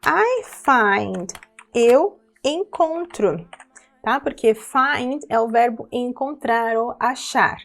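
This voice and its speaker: A woman's voice: a little high, lively intonation, vocal fry. A woman, teaching English pronunciation from song lyrics, patient and repetitive, checking in with her listeners. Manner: patient, repeats words slowly and checks in with listeners.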